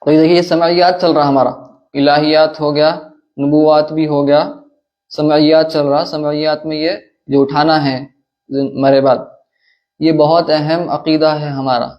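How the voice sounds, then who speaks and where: A man teaching a religious lesson in a measured, explanatory way, with hesitations and quick Arabic recitation. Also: on the high side, flat delivery, dull audio. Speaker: teacher of Islamic creed and law.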